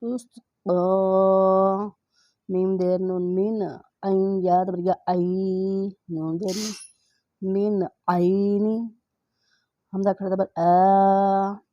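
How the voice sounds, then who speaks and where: A woman with an Urdu accent teaching Quran reading, spelling out each letter and vowel mark slowly and then blending the syllables. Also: medium pitch, flat delivery, dry recording, highs cut off. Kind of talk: slow spelling-out recitation lesson.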